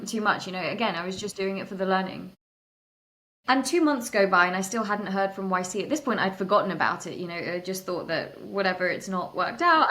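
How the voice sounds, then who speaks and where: Her mid-range voice has a fairly bright tone as this young startup founder, appearing as an interview guest, recounts her journey. She is frank and pokes fun at herself, frequently starting over mid-thought.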